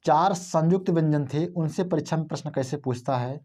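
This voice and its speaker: A man's voice: fairly high pitch, fairly quick, dark tone. A male Hindi teacher giving an explanatory lesson, repeating his points and asking himself rhetorical questions.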